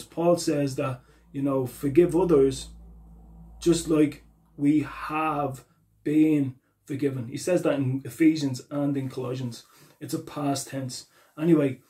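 A man's voice: a little high, warm tone. A man preaching an earnest sermon, reading and explaining scripture verses and repeating the references as he goes.

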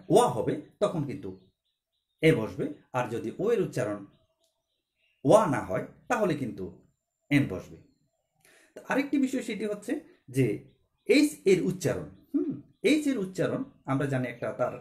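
A man's voice: medium pitch, a little mellow, echoey room. A man teaching English grammar to a class, explaining step by step and asking questions before answering them himself.

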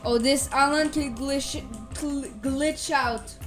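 A female gamer giving excited live gameplay commentary, repeating exclamations and casual slang like bro. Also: high voice, takes it slowly, soft background music. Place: voice-over on screen-recorded gameplay, game music behind.

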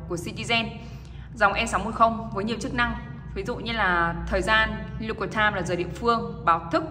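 Woman doing a hard sell sales pitch, bright pushy voice, repeats herself, really echoey with some noise. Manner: repetitive, insistent, seeking agreement with tag questions. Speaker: online watch seller. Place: indoor watch display table.

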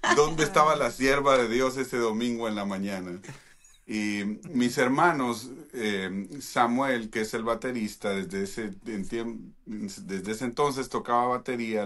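A man's voice: medium pitch, fairly bright tone. A middle-aged man from Guatemala, a guest on a talk show, telling his love story in a playful, joking way into a studio mic. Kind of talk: casual chat. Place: home studio. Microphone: studio mic with headphones.

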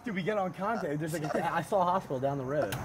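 An excitable young man chats and swears on a night street, his fairly high voice swinging widely. Voices of other people fill the background. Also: fast talker, crowd noise. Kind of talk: casual banter.

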